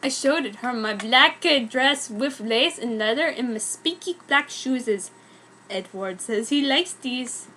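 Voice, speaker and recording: A woman with a high-pitched, sharp voice narrates a dramatic reading of amateur fan fiction. She's theatrical and easily amused, often breaking into giggles.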